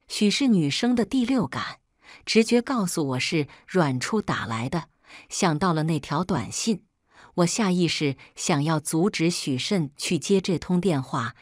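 A woman narrating a first-person drama story in a steady, emotive scripted read. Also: on the low side, dry recording, clean studio sound.

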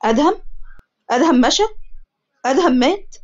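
A woman's voice: high voice, animated, a little fast. Give me a woman playing a disbelieving, sobbing young Egyptian man, dull lo-fi sound. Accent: Egyptian Arabic. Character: young man crying out in grief.

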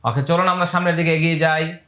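A man teaching Quran recitation step by step in speech, counting beats aloud and chanting the letters in long drawn-out tones. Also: on the high side, fairly even intonation, a bit bright, reverberant.

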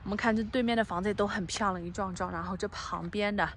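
This agent talks fast in a steady, mid-range voice during a casual tour of a house under construction, shot on a handheld phone. She mixes English terms into her speech and sometimes softens to a near-whisper, over slight background noise.

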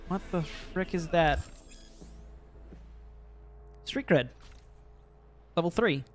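A man's voice: a little high, animated, slow pace, faint music behind. A man casually commenting while playing a video game, joking and reading game text aloud. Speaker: gaming video host.

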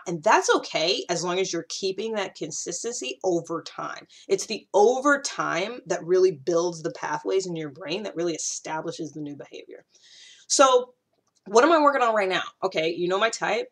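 A mid-range voice at a moderate pace belongs to an American woman in her thirties offering self-growth tips on YouTube. She chats directly to camera in a conversational way, gesturing a lot and repeating herself for stress.

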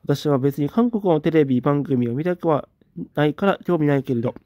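A man in a casual livestream, reading out viewer comments and giving short, relaxed replies. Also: fairly high pitch, brisk, no room sound, muffled recording. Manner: relaxed, reads comments aloud with brief replies.

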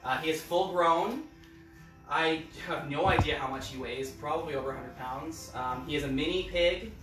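A man's voice: on the high side, moderate pace, reverberant, music in the background, poor audio. A man hosting a children's storytime as a drag queen, chatting casually and playfully with viewers. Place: living room at home, indoors.

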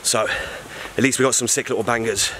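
A man's voice: mid-range voice, steady tone, moderate pace, bright, forceful tone, slight background noise. A man, vlogging a boat trip outdoors in a chatty, slangy, upbeat way, filmed on an action camera on a selfie stick. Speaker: travel vlogger. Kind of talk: casual travel vlog.

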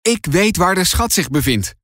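A man's voice: high voice, very animated, normal speed, fairly bright tone, dry recording, studio quality, pitched above the performer's own voice, exaggerated voice. A man voicing an adventurous grown aunt who gives urgent, firm orders in an audiobook. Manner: urgent, commanding.

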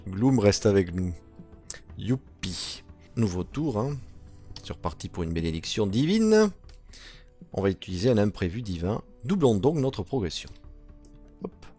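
A man's voice: fairly low pitch, sing-song, moderate pace, dark tone, slightly rough, faint music behind. A man commenting on a solo board game playthrough, counting moves aloud and muttering asides.

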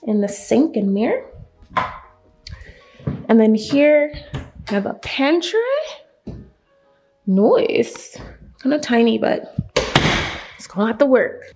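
Young woman vlogger, 20s, slightly high voice, casual and chatty, a bit out of breath, faint music bed. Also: dark tone. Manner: chatty, upbeat, talking to viewers. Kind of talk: casual home tour vlog. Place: empty house, indoors.

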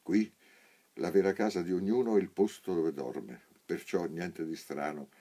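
A man, an actor, reading a novel aloud in a measured, unhurried storytelling manner. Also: warm tone, breathy edge. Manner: measured, unhurried storytelling, raising pitch for quoted characters. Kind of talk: literary audiobook reading.

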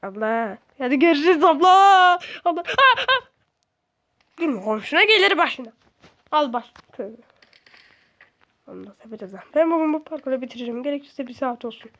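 A young woman giving casual, excitable commentary while playing a video game, swearing and shrieking at it. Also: high-pitched, moderate pace, long pauses. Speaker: gaming streamer.

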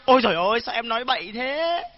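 An actor playing a flustered, apologetic young boyfriend in a stage comedy. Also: male voice, very high voice, big pitch swings, quick pace, dry recording, dull audio. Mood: pleading.

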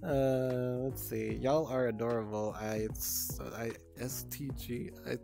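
A woman's voice: a bass voice, steady tone, slow pace, vocal fry, mellow, faint music behind. A woman in her twenties chatting casually with her stream chat, laid-back and giggly, swearing freely. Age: 20s.

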